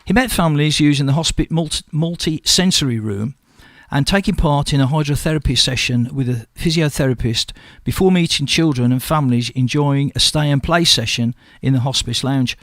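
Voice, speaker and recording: A man hosting a local radio show from the studio, with a West Midlands English accent, croaky from a cold, chatting and reading news items with slips and restarts. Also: on the high side, a little fast, hardly any pauses, a bit bright, no echo. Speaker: radio host.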